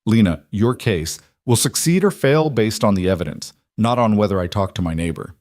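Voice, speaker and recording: A man voicing a calm, reassuring firefighter weighed down by guilt, in a storybook reading. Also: lowish voice, moderate pace, dry recording, clean studio sound, natural voice. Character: steady, guilt-worn male firefighter.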